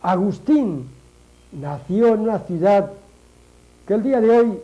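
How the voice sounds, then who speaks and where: A man giving a reflective sermon, speaking slowly and deliberately, repeating phrases for emphasis and addressing listeners directly as friends. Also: high voice, lively intonation, warm tone, rough recording. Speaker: religious speaker.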